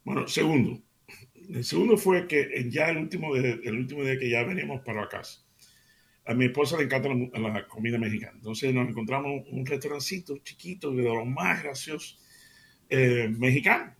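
Gravelly man telling a radio anecdote. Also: mid-range voice, brisk. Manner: chatty anecdotal, addresses listeners warmly as family. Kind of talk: casual radio storytelling.

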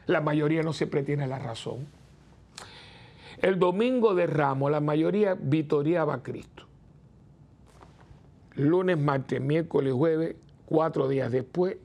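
Gravelly-voiced priest talking with his listeners. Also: a little high, darkish tone. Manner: chatty, asks the listeners rhetorical "¿no?" questions; acts out the people he quotes. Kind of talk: conversational preaching talk.

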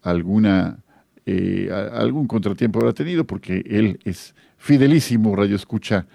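Low, gravelly Mexican radio host. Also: male voice, moderate pace, dry recording. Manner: warm pastoral tone, frequent fillers. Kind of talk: live radio call-in chat.

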